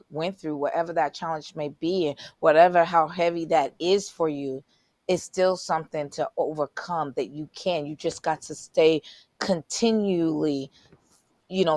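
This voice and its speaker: A woman hosts a talk show, reacting to her guest in an effusive, exclamatory way. Her voice sits fairly low, and the recording is dry and close. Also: a little mellow, dry recording. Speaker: host. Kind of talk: casual interview chat.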